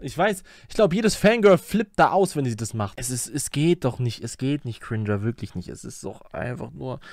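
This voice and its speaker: A man's voice: medium pitch, expressive, moderate pace, creaky, darkish tone, dry recording, studio quality. A man streaming a casual reaction to a song, talking in blunt, mocking slang.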